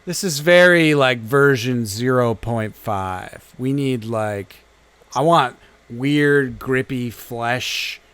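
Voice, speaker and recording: A man co-hosting a podcast, chatting casually in a laid-back, halting way with many fillers. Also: medium pitch, a bit bright, clean tone. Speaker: podcast co-host. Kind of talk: casual comedic chat.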